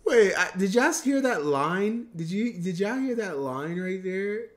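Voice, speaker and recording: A man's voice: sits high, animated, unhurried. A man in his twenties reacting to a video on a live stream, laid-back and chuckling as he talks to his chat on a headset in a home studio. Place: home studio room with shelves.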